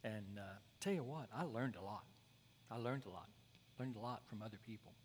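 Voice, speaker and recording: A man's voice: lowish voice, a little fast, a little hiss or hum. A male pastor telling a story in a sermon, folksy and conversational with asides. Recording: long hall reverb.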